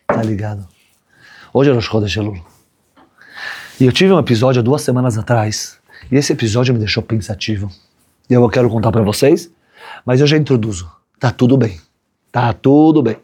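Rabbi, husky mid-range voice, chatty storyteller, keeps checking in with his listeners. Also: mid-range voice, brisk, long pauses, a little mellow. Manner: chatty, checks in with "right?" tags. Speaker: rabbi teaching a class. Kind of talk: conversational Torah lesson with a story.

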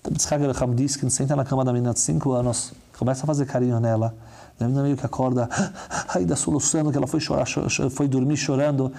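A man's voice: medium pitch, fairly even intonation, fast talker, gravelly, mellow. A man teaching through a moving religious story, emphatic and fond of repeating words for effect.

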